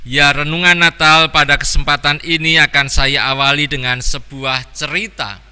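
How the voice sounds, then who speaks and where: A male pastor preaching a Christmas sermon in Javanese-influenced Indonesian, speaking slowly and deliberately with a story for the children. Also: on the high side, level tone, bright, forceful tone, clear, resonant tone, in a large hall. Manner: slow, deliberate, talks to children. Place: church.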